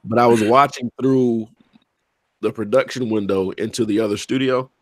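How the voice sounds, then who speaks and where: A man's voice: mid-range voice, fairly even intonation, normal speed, dry recording. A man co-hosting a podcast in a casual, joking, loose way, swearing now and then. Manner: laid-back, joking, swears freely. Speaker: podcast co-host. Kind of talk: casual chat.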